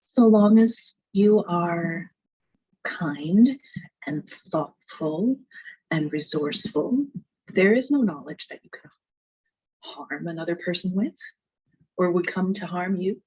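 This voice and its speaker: A slightly muffled recording of a woman role-playing in a tabletop game. Her voice is on the low side and husky, and she speaks thoughtfully and earnestly, feeling her way along. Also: animated, slow pace, long pauses, warm tone. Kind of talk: improvised in-character role-play.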